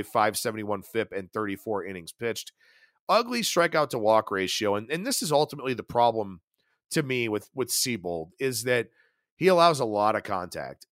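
Animated man rattling off baseball stats. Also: medium pitch, no room sound, clean studio sound. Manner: rapid stat-heavy delivery, animated. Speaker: sports betting analyst. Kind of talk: solo podcast analysis.

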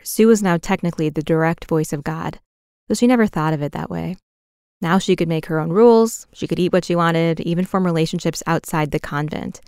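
A woman narrating a documentary podcast in a scripted, measured way. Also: on the low side, a little mellow, clear, resonant tone, no echo, clean studio sound.

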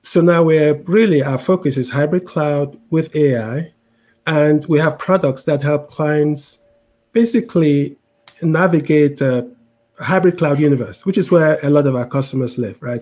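A man's voice: on the high side, a little mellow. A middle-aged man from Cameroon with a mixed international accent, explaining things in a conversational interview with frequent repeated words and "right?" tags. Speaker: interview guest, tech executive.

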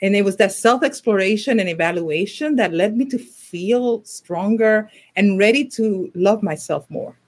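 A woman in her fifties, a social worker and coach, talking as a podcast guest in a thoughtful, hesitant way with frequent pauses. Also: mid-range voice. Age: 50s. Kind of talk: conversational interview.

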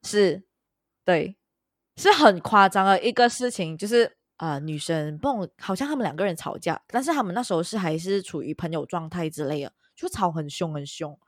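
Low-voiced woman telling a story. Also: expressive, moderate pace, no echo, studio quality. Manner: storytelling, mixing English words into speech. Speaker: podcast co-host. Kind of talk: casual chat.

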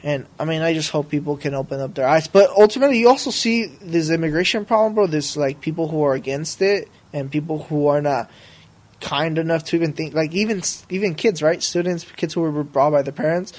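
A man's voice: fairly high pitch, a little fast, a little mellow. A man as a podcast guest, talking casually in a rambling, slangy way and often checking for agreement. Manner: slangy, rambling, peppered with bro and right. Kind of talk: casual conversation.

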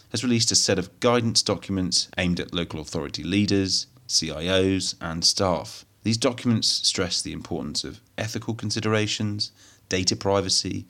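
A low-pitched male presenter hosts a technology news roundup, reading from a script with a steady, measured cadence.

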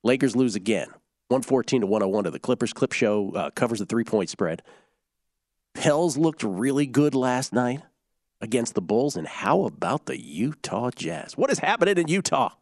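A man's voice: medium pitch, sing-song, moderate pace, dry recording, clean studio sound. Chatty male sports betting co-host. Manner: chatty, joking, rattles off scores and odds. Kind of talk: casual sports betting chat.

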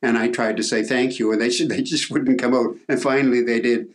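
An older Canadian man, a guest on an interview show, telling a story in a halting way with repeated words. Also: medium pitch, steady tone. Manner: halting, repeats words, acts out quoted voices.

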